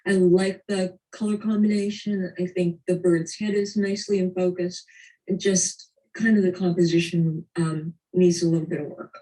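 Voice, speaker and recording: A woman critiquing photographs as a competition judge, thoughtful and hesitant with frequent pauses. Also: on the low side, level tone, warm tone. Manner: hesitant, thoughtful, with many ums. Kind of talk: spoken critique. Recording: distant mic.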